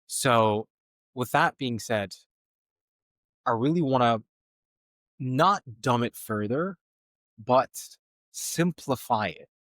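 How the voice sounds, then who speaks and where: Man, podcast host, thoughtful, searching, mid pitch, dry close mic. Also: expressive, slow pace, pauses often, a bit bright, no room sound. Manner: thoughtful, searching, many fillers and restarts. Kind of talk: conversational podcast talk.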